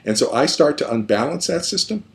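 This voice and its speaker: A man working as a therapist who explains family dynamics in a conversational, animated way and sometimes acts out the people he describes. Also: on the high side, fairly quick, gravelly. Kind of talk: explanatory talk.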